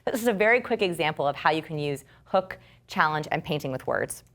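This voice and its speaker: A woman instructor teaching a storytelling class, lively and acting out quoted speech. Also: low-pitched, a little fast.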